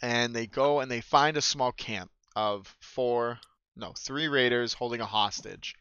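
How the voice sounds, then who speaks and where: Male game master recapping a session casually, rambling and profane, with a clear, smooth voice and slightly muffled sound. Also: medium pitch, unhurried, bright, forceful tone, dry recording. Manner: rambling, swears freely, fillers. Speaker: dungeon master. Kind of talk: casual storytelling chat.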